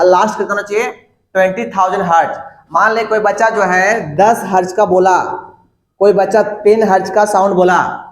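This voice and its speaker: A high-voiced man teaches in a classroom, repeating key words for students to copy down and often checking that they follow. The sound bounces around the room. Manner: repeats and dictates terms to students, asks them questions. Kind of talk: classroom lecture. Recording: echoey classroom.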